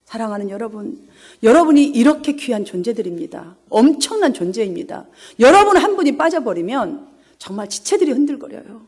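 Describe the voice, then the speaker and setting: A woman's voice: a little high, very animated, fairly quick, a little mellow, breathy edge. A woman pastor delivering an emphatic sermon in a church, telling stories and laughing now and then. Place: church sanctuary.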